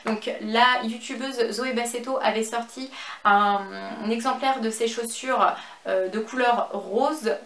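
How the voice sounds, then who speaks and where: A French woman chatting through a fashion and beauty haul at home, with many fillers and a slow pace over each item. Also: fairly high pitch, steady tone, fairly bright tone. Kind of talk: casual haul vlog. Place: home office and makeup room. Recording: echoey room, faint background noise.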